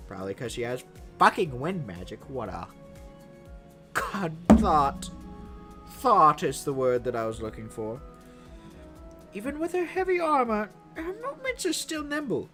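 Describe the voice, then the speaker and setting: A male streamer reads a first-person adventure story aloud on a live stream, breaking off into casual, cursing asides. His pitch swings widely and expressively from line to line. Soft music plays faintly underneath. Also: very animated, measured pace, pauses often. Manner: casual, profane, jokey running commentary.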